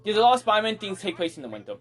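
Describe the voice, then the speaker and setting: A man's voice: high-pitched, sing-song, rapid-fire. A young man co-hosting a podcast, bantering with friends in a joking, defensive way. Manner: defensive, joking, swears and laughs. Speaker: podcast co-host. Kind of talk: casual banter among friends.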